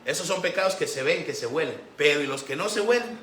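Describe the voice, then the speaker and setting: A man preaching a Sunday sermon as pastor, animated, acting out the voices he quotes. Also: a little high, fast. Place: church sanctuary. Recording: echoey church room with faint background noise.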